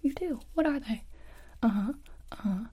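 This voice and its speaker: A woman's voice: on the high side, expressive, normal speed, slightly rough. A young woman whispering close to the mic, playing a series of doctors in a comedic ASMR roleplay, now and then breaking into full voice. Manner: soft close whispering with sudden voiced outbursts.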